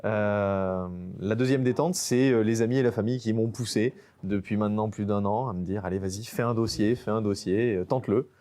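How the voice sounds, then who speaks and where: Low-voiced guy from french guiana, photographer, lots of euhs and restarts, chatty festival interview. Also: fairly even intonation, a little fast, hardly any pauses, dark tone. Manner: hesitant, many fillers and restarts. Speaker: nature photographer exhibiting.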